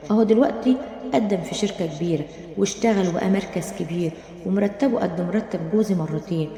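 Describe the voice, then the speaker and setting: A woman's voice: lowish voice, dark tone, natural voice. A woman voicing a tearful young wife, Egyptian accent. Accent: Egyptian Arabic. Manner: pleading, weepy. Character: frightened tearful young wife, unhappy in marriage. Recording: roomy, long reverb.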